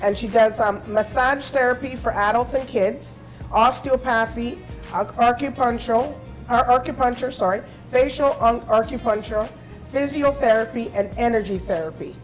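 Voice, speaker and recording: Woman talk show host, slightly high-pitched, chatty and laughing, stumbles now and then, faint music under. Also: moderate pace, low-quality recording. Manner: chatty, laughs often, stumbles over words. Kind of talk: casual interview chat.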